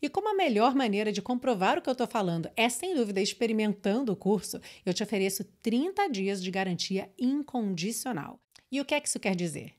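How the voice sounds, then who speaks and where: A woman from Brazil, an English teacher, who explains pronunciation step by step and repeats lines slowly and clearly. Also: medium pitch, big pitch swings, darkish tone. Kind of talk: online English lesson with course promotion.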